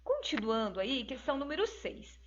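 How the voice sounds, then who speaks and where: A woman's voice: sits high, very animated, normal speed, highs cut off. A Brazilian Portuguese-speaking woman teacher walking through exercise answers in a recorded lesson, explaining step by step and checking in with tag questions.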